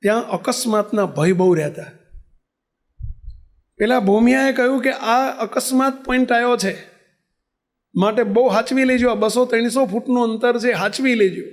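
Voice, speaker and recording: A man preaching a sermon as a lively storyteller, often checking in with his listeners. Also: extremely high pitch, normal speed, long pauses. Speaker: religious preacher.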